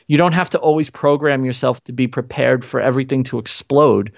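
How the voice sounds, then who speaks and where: A man's voice: medium pitch, a little fast, creaky, no room sound, dull audio. A man talking in an earnest, motivational way in a casual podcast conversation, driving points home with repetition. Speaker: podcast guest.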